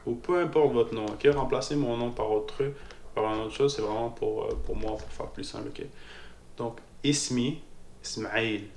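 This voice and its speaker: A man's voice: medium pitch, a little fast, creaky, a little mellow. A man teaching a casual spoken language lesson, hesitant, repeating his words and often checking in with "ok?". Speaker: Moroccan Arabic teacher. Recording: echoey room with faint noise.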